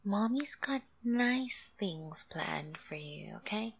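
A woman voicing a doting, coaxing mother figure in an audio roleplay. She speaks softly and drifts into whispers. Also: mid-range voice, animated, slight background noise. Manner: slow, soothing, coaxing with soft laughs. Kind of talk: soft-spoken audio roleplay, half whispered. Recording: dull lo-fi recording.

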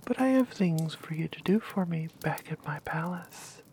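A woman voicing an evil winter queen in a whispered storybook reading, soft, slow and beguiling. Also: low voice, expressive, slight background noise. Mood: cold coaxing.

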